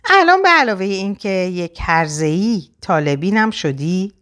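A woman's voice: mid-range voice, big pitch swings, fairly bright tone. A woman reading the part of an earnest young man in love, speaking insistently and persuasively. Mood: urging.

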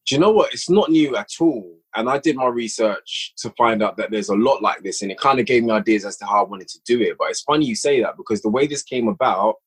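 Fast and with few pauses, a medium-pitched voice with a breathy edge carries this casual podcast interview. The guest, an audio drama writer and director, reflects on his creative work and repeats phrases for emphasis.

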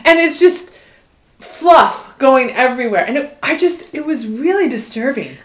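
A woman's voice: high-pitched, animated, unhurried. A woman in her thirties co-hosting a casual chat, blunt and opinionated, swearing offhand. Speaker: podcast co-host. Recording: echoey room.

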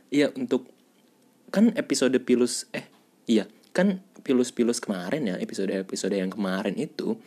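A man's voice: on the low side, a little mellow. Chatty young man hosting a podcast. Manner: chatty, laughs often, slangy. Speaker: podcast host. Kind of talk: casual podcast chat.

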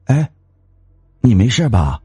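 A man's voice: very animated, slow pace, mellow, breathy edge, no echo, heavily acted. A man voicing a greedy, scheming wife who bosses and scolds her timid husband. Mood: concerned. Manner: scolding, bossy, shrill. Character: scheming greedy wife, woman, sharp-tongued.

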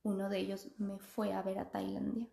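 A woman's voice: medium pitch, flat delivery, moderate pace, gravelly, dark tone. A young woman, a podcast guest, telling a personal story in casual, chatty conversation and laughing often. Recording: echoey room.

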